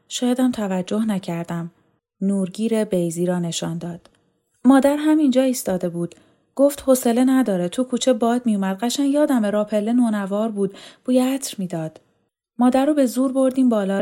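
A woman's voice: a little high, dark tone, pitched above the performer's own voice, natural voice. A woman voicing a wistful middle-aged woman who recalls the past, in a spoken audiobook reading of a novel. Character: middle-aged woman remembering her dead sister.

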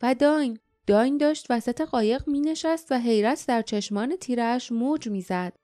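A woman narrating an audiobook in a steady, even storytelling voice. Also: a little high, faint music behind.

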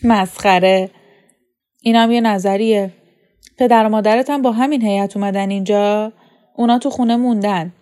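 A woman's voice: medium pitch, fairly even intonation, warm tone, close to an everyday voice. A woman voicing an outspoken teenage girl in a storybook reading, speaking emphatically and scoffing. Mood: amused.

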